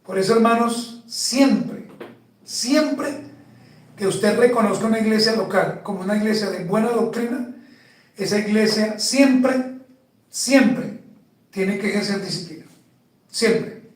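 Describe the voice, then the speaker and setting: Male pastor, high voice, slow emphatic sermon, rhetorical questions, very echoey church, off-mic. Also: recorded from a distance.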